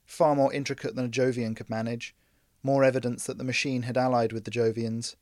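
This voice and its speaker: A man in a mid-range voice narrates a story in a measured, even way. The sound is close and dry with no room. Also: medium pitch, dry recording. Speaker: audiobook narrator. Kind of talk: scripted narration.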